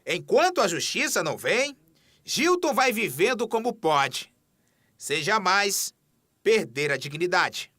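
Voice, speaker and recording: Brief: male reporter from the Amazonas region of Brazil, high and very lively delivery, dry booth voice-over. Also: slow, no room sound. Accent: Amazonas Brazilian Portuguese. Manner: dramatic storytelling delivery with wide pitch swings. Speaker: TV news reporter. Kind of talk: scripted news report narration.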